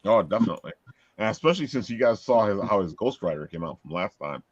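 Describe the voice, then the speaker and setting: Male host, Brooklyn accent, animated swings in pitch, casual chat, slightly dull audio. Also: quick pace. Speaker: host of a comics and convention talk show.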